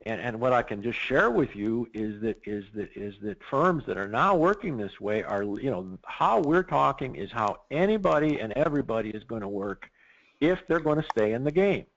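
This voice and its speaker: Lively gravelly-voiced man, excitable. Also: medium pitch, normal speed, lo-fi sound. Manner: animated, excitable, many restarts. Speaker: risk management consultant. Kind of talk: podcast interview.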